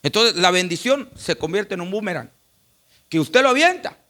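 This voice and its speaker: A man's voice: high-pitched, expressive, normal speed, bright, forceful tone. A man preaching a sermon as a pastor, with emphatic repetition and constant direct appeals to the congregation.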